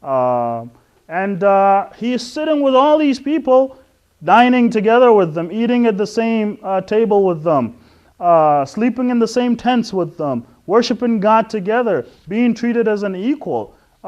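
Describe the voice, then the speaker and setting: A man's voice: high voice, darkish tone, muffled recording. Earnest West African man explaining patiently. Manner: earnest and explanatory, with frequent "uh" and restarts. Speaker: Islamic lecturer. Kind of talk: introductory talk on religion.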